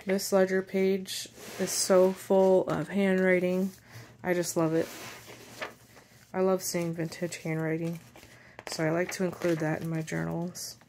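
A woman with a somewhat low voice gives a relaxed craft walkthrough, describing each page as she turns it. She takes her time and pauses often between thoughts. A faint hum of room ambience sits behind her. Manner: unhurried, pausing while handling pages. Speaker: journal maker and shop seller. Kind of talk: casual show-and-tell craft walkthrough.

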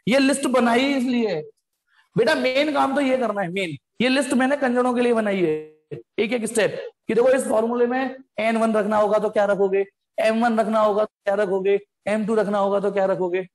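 A man's voice: high voice, normal speed, roomy sound. A man teaching a physics class, calling his students beta and quizzing them as he works through each step. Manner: addresses students as beta, asks them questions.

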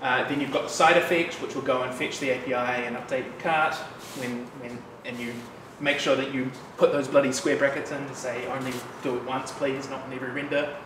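In a bright loft-like office, a New Zealander in his thirties delivers a chatty developer talk to a meetup audience, relaxed and peppered with fillers and asides. His medium-pitched voice moves briskly with few pauses. Because he stands away from the room mic, the audio comes across distant and echoey, with background noise.

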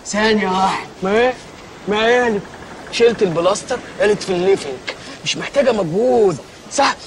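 A man's voice: high-pitched, fast talker, a little hiss or hum, natural voice. An actor playing a bossy, mock-threatening Egyptian man hunting for a remote in broad TV sketch comedy. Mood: pushy. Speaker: comic character in a TV sketch.

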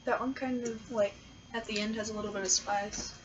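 A woman's voice: mid-range voice, steady tone, brisk, far from the mic, highs cut off, noisy background. A woman co-hosting a casual taste test, chatting in a playful, giggly way. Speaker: food vlogger co-host.

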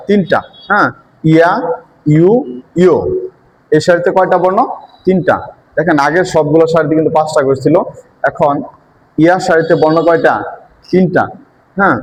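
A man's voice: a little high, a little mellow, slight background noise, rough recording. Patient man teaching step by step. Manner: patient, repetitive, asks and answers his own questions. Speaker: Japanese language teacher. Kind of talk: step-by-step lesson explanation.

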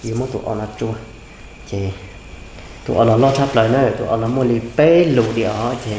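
A man's voice: medium pitch, normal speed, dark tone, slight background noise. A young man hosting a home cooking vlog, chatting casually as he cuts meat, sitting on the floor indoors. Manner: chatty, explaining while cutting meat. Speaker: vlog host. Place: indoor home room, seated on floor mat.

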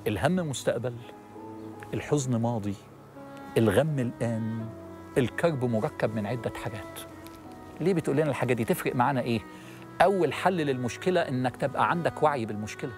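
A middle-aged man with an Egyptian accent giving a religious lesson to a studio audience, animated and asking questions. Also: medium pitch, quick pace, long pauses, over music. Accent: Egyptian Arabic. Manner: animated, asks the audience questions, acts out worried people. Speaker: religious TV host and lecturer.

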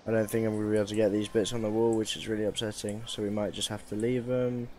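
Tired low-voiced gamer. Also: male voice, little pitch movement, fast talker, a little mellow, slight background noise. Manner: rambling, self-mocking, chatty. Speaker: gaming YouTuber. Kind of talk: casual gameplay commentary.

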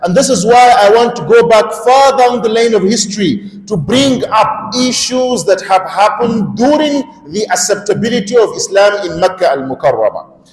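A man's voice: high-pitched, expressive, normal speed. A middle-aged man from Nigeria giving an interactive Islamic lecture in a mosque, putting questions to the audience and speaking at a stand microphone. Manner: interactive, questions the audience, emphatic rising calls. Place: large mosque hall, indoors. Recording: echoey mosque hall reverb.

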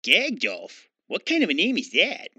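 A man's voice: a little high, huge pitch swings, normal speed, sharp tone, breathy edge, no room sound, dull audio, heavily acted. A man voicing a small, timid, politely bemused hobbit in a cartoon parody, hesitant and dryly incredulous.

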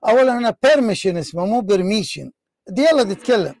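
A man's voice: high-pitched, animated, quick pace, vocal fry, dry recording. A man hosting a heated live religious debate, pressing and repeating his challenges. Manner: forceful, insistent, repeats challenges. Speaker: debate show host.

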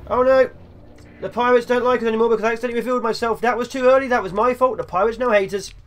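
A man's voice: very high-pitched, steady tone, racing, slight background noise. A young man hosting a game let's play, chatting and joking to himself as he plays. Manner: chatty, jokey, talks to himself while playing. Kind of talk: gameplay commentary.

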